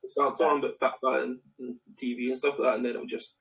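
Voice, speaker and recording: A man's voice: mid-range voice, fast, gravelly. Scottish man rambling about football, distant mic. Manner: rambling, animated football talk. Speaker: podcast co-host. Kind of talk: casual chat. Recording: distant mic with faint background noise.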